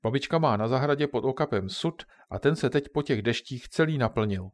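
A man's voice: medium pitch, animated, natural voice. Ondra, a man reading as an impulsive little boy. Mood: excited. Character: impulsive little boy camper, full of ideas.

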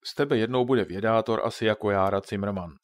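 A man's voice: lowish voice, dry recording, close to an everyday voice. A man voicing a joking father who patiently explains things to his children in a storybook reading. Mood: jokey explaining.

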